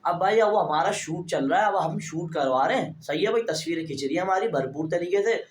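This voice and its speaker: Young male vlogger, chatty to-camera storyteller, slightly high pitch, recorded in a roomy echo. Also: expressive, fairly quick, a little hiss or hum. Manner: chatty, keeps addressing viewers as brother; stands talking straight to camera.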